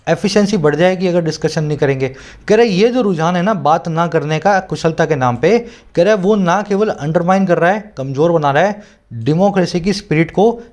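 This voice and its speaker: A man's voice: on the high side, a little mellow. A man teaching English, explaining a newspaper editorial in Hindi with English terms and an Indian English accent, often checking that the learner understands. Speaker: English tutor.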